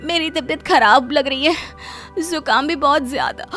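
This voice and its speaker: A woman's voice: sits high, moderate pace, pushed and bright, soft background music. A woman voicing a young daughter-in-law with a cold, pleading and complaining, in a cartoon story.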